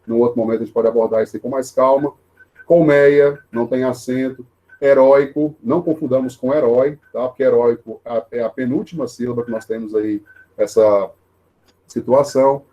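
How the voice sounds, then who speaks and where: Male teacher, mellow husky tone, walks students through rules patiently. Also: mid-range voice, steady tone, muffled recording. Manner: explanatory, many tag questions, repeats himself; says he talks fast. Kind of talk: online lesson on grammar.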